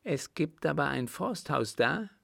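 A man's voice: on the high side, lively intonation, measured pace, creaky, fairly bright tone, no echo, studio quality, voice pushed up, heavily acted. A man putting on an indignant, flustered count. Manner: raised, incredulous questioning.

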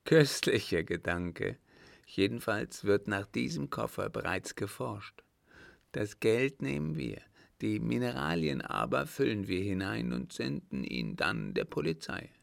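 A sly aristocratic count, as an audiobook reader puts him on, smug and savoring his words. His voice sits low and gravelly, the delivery slow and crisp in a dry, close sound. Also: expressive, no echo, heavily acted. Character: sly aristocratic male count, scheming accomplice. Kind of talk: audiobook character voice.

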